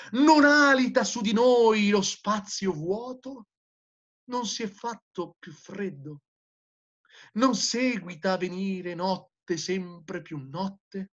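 A man's voice: high voice, a bit bright, heavily acted. A male teacher reading aloud as a frantic madman who cries out in anguished declamation, on a dull lo-fi recording. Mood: despairing. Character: frantic male madman crying out that God is dead.

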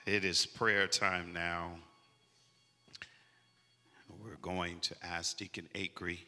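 A middle-aged male pastor calmly reading prayer requests to his church. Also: deep voice, soft background music. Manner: measured, pastoral, slow. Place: large church sanctuary. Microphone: handheld microphone. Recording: church hall reverb.

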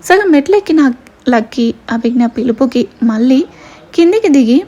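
A woman narrating a scripted audio story in a steady, expressive storytelling way. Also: high-pitched, normal speed, muffled recording.

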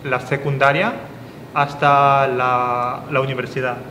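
A man's voice: medium pitch, flat delivery, takes it slowly, reverberant, in a large hall, background noise. A young man from South Korea, a guest in a casual interview, talking thoughtfully and often restarting his sentences. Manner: thoughtful, with frequent restarts and fillers. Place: studio with dark curtain backdrop.

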